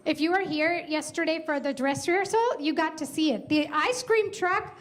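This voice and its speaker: A woman co-host with a very high voice makes brisk, friendly announcements into a handheld mic on a festival stage. She thanks the sponsors and answers her partner in short replies. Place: stage at a temple festival program.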